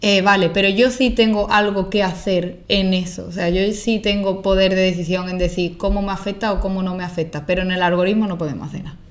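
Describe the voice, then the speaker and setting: A woman's voice: mid-range voice, fairly even intonation, fast talker, few pauses. Casting: young woman, Andalusian accent, mid-range voice, casual interview guest, outspoken and colloquial. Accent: Andalusian Spanish. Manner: colloquial, emphatic, with rhetorical questions. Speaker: guest, social media creator and activist. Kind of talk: casual, opinionated interview talk.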